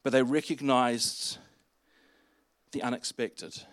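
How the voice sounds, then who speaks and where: A man preaching a sermon in a conversational, halting way, with restarts and fillers. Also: medium pitch, fairly even intonation, dry recording. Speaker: pastor.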